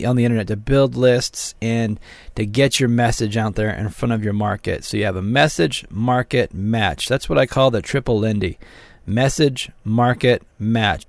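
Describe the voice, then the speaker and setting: A man's voice: medium pitch, no room sound. Motivational male seminar host, dry close sound. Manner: motivational sales patter, direct address to listeners. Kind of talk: promotional teleseminar talk.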